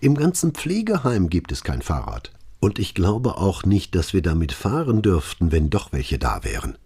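A male narrator voicing a confused, frightened old woman whose voice trembles and climbs higher as panic creeps in. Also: wildly swooping pitch, moderate pace, gravelly, a little mellow, husky, exaggerated voice. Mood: confused, anxious.

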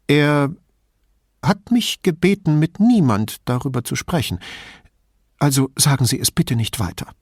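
A man voicing a frail, chatty old widow who rambles and confides in a hushed tone. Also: very animated, measured pace, no echo, studio quality. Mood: confiding. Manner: rambling, confidential, lowers voice to a whisper.

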